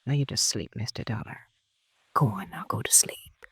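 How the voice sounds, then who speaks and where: An actress playing a patient hospital nursing sister in a 1950s radio drama, hushed and gently coaxing. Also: female voice, very deep voice, normal speed, slightly rough, no echo, in a whisper, studio quality, heavily acted. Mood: hushed concern.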